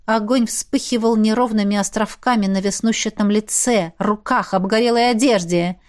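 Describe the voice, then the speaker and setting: A woman narrating a fantasy audiobook with an expressive, dramatic reading. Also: mid-range voice, moderate pace.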